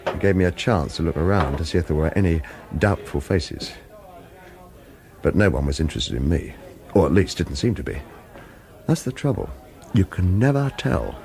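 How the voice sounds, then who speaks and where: The actor, voicing a protective, evasive hitman narrating a noir radio drama in first person, keeps his tone brooding and watchful and his reassurance hesitant. His voice sits low and darkish, gravelly, with lively intonation, a moderate pace and frequent pauses.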